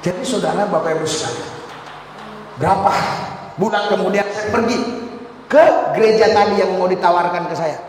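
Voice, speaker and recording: A man preaching in a high voice, spinning an animated story full of acted-out quotes and laughter. His voice rings out through a large, echoing church hall with a long reverb tail. A faint hum of background noise sits under it. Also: normal speed, pauses often. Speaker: pastor. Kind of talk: sermon. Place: church hall with a live congregation.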